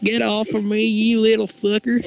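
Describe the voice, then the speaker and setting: A woman's voice: on the high side, vocal fry, noisy background. A woman making dry, joking asides during a story reading. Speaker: co-host commenting. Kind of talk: casual joking banter. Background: background music.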